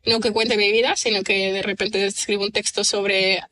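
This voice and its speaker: Her medium-pitched voice is pushed and bright, yet the delivery is flat and the pace moderate. She's a middle-aged writer being interviewed in a reflective, conversational way, working out her ideas aloud with many fillers and restarts and laughing easily.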